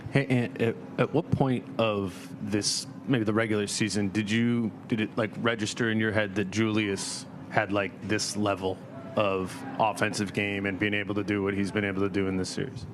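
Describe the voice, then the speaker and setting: Halting low-voiced man, noisy press room. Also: flat delivery. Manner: halting, self-correcting phrasing. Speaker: sports reporter. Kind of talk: press conference question.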